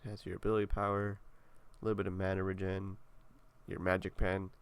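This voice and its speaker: This young gaming creator's deep, clear, resonant voice stays monotone as he talks fairly quickly through his game setup. He sounds congested and nasal, rambling in a laid-back way with many fillers during his casual walkthrough.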